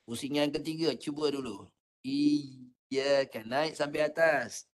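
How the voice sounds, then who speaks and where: Patient Malaysian ustaz coaching recitation. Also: male voice, medium pitch, fairly even intonation. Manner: patient, coaching, demonstrates sounds slowly. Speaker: Quran recitation teacher. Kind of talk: online class teaching.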